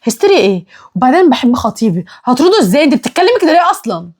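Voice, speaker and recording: A woman plays a volatile young Egyptian woman in a drama web sketch, her high voice leaping around. She talks fast, flipping between outbursts and flat denial. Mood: defiant. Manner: swings between shouting and calm denial. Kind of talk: acted comedy drama.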